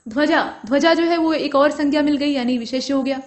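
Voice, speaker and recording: A woman's voice: sits high, brisk. A woman teaching an exam-prep grammar lesson, explaining each answer step by step and putting questions to the viewer.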